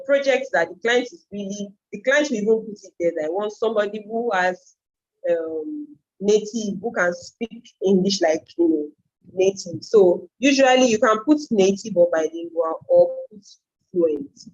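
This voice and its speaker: Thinking aloud as she explains, a freelancing trainer with a Nigerian accent and Yoruba as her native tongue leads an informal tutorial one step at a time. She speaks at a moderate pace in a mid-range, slightly mellow voice, and the recording loses its highs.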